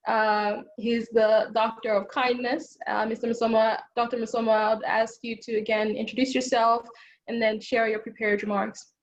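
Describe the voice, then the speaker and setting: A woman moderating a webinar over a video call, introducing the next speaker in a halting way with many fillers. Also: a little high, little pitch movement. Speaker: facilitator. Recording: dull lo-fi call audio with faint noise.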